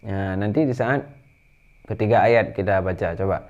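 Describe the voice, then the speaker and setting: A man teaching tajwid, explaining rules briskly and then reciting verses slowly in a higher chant. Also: darkish tone, dull audio.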